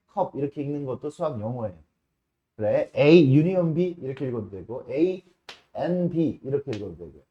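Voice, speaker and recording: Male math teacher, mellow and slightly high, chatty classroom lecture that slows for key terms. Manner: casual, asks students frequent checking questions.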